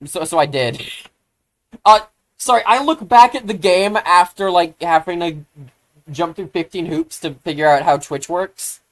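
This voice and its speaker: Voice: mid-range voice, unhurried. Rambling, self-deprecating live streamer. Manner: easily excited, bursts into loud exclamations. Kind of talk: casual live-stream gaming chatter.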